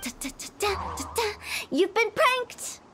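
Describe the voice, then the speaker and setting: A woman's voice: very high voice, moderate pace. A woman voicing a playful, eccentric young funeral director in a game, teasing theatrically as she reveals a prank. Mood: teasing, gleeful. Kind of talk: animated game character acting. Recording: music behind the voice. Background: music.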